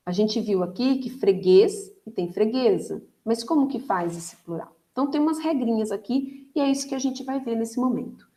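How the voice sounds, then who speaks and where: A Brazilian woman teaches a recorded grammar lesson in a fairly high voice. She explains patiently, checks understanding with quick tag questions, and slows down to stretch words so their syllables stand out. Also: lively intonation, dark tone. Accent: Brazilian Portuguese.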